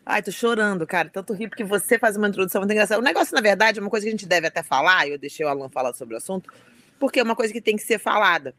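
Fast-talking woman. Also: mid-range voice, no room sound. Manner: animated, emotional storytelling. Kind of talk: casual chat.

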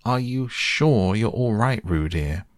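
A man's voice: fairly low pitch, lively intonation, slow pace, no room sound, studio quality, pitched above the performer's own voice. A man voicing an anxious, fussing mother kangaroo in a children's storybook.

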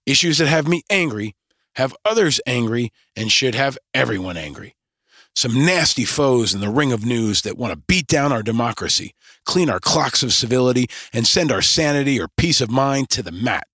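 A man's voice: mid-range voice, expressive, moderate pace, a bit bright, no echo, clean studio sound. A man hosting a podcast, delivering a scripted monologue in punchy, rallying lists. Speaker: podcast host.

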